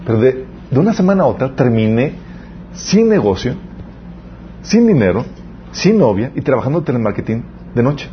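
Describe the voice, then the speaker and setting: In a slightly muffled recording with faint background noise, a young man preaches a conversational youth sermon. His mid-range voice moves at normal speed and pauses often as he tells lively stories and addresses listeners directly.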